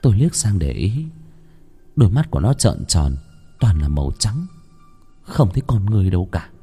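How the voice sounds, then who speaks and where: A man's voice: low-pitched, sing-song, normal speed, mellow, slightly rough, soft background music. A man narrating a ghost story in a dramatic, suspenseful manner.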